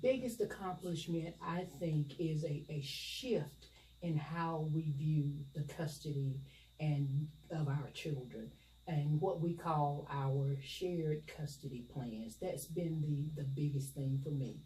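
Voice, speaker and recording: A middle-aged woman, speaking as a judge in an interview and explaining in a measured, formal way. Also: low voice. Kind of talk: interview answers. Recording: echoey room, distant mic, loud noise.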